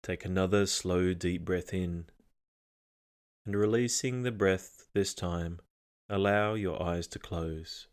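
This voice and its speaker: Speaking in a low register, a man leads a meditation through scripted narration that is gentle and measured. He stays calm throughout, instructing gently.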